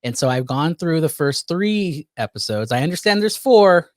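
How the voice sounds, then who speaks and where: A man's voice: fairly high pitch, animated, normal speed, no room sound, clean studio sound. A man co-hosting a podcast in casual chat, easygoing and chatty, laughing often. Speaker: podcast co-host.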